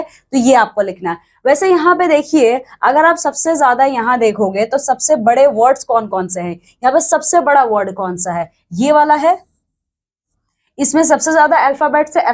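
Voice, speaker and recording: Woman, high-pitched, English teacher, explains step by step, checks in often, young adult. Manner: explains step by step, counting aloud and checking in with students. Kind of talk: textbook lesson explained in Hindi.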